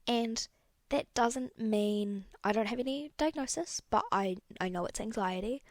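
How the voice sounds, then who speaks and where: A young woman's slightly high voice comes across a little slow on a dry recording as she hosts a solo podcast. She speaks candidly and casually, drifting a bit and revising herself as she talks.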